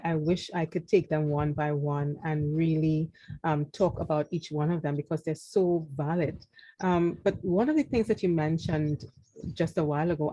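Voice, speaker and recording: A woman interviewer asks questions in an affirming, encouraging way. Her voice is low and mellow, and it sounds dry and close. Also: no echo, rough recording. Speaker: interviewer host.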